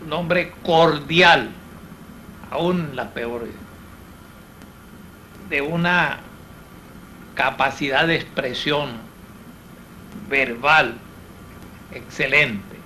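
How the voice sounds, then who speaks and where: A man giving reflective interview testimony in formal, eloquent, halting phrases. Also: fairly high pitch, sharp tone, a little hiss or hum, low-quality recording. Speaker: documentary interviewee.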